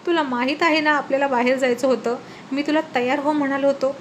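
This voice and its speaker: An irritable young husband , voiced by a woman narrator snaps and scolds in exasperation. The voice stays high, close to her own. Faint noise hums under this storybook telling. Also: steady tone, fast talker, lightly acted. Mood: angry.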